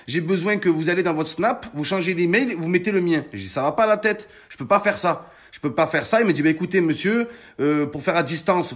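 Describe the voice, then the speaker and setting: A man with a notably high voice rants to his followers. He talks emphatically, swears a lot and addresses his audience as friends and brothers. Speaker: social media personality. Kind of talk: animated storytime rant to followers.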